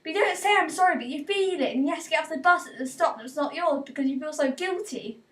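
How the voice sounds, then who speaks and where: A woman's voice: high voice, quick pace, a bit bright, distant mic. A teenage girl doing a casual comic rant, acting out little scenes with quoted lines and giggles. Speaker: vlogger.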